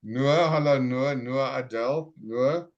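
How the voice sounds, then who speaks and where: This man teaches English live online via video call, greeting each student and repeating names with slow, clear care. He speaks at a medium pitch, and the sound is lo-fi.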